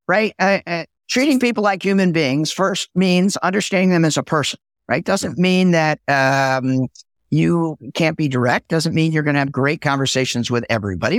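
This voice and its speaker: A high-pitched middle-aged man talks animatedly as a podcast guest, spinning lively anecdotes. His voice sits close and dry, with no room sound around it. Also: moderate pace, dry recording. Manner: animated storyteller, lively and talkative. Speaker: podcast guest, sales executive. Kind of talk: casual interview chat with storytelling.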